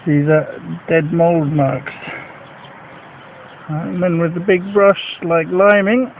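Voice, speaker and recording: A man's voice: fairly high pitch, fairly even intonation, slow, slight background noise. Slightly breathless man, tinny camcorder audio. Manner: plain, rambling, matter-of-fact explaining. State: a bit out of breath. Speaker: home video maker. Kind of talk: casual walkaround commentary. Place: outdoors by a house wall. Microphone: handheld camcorder mic.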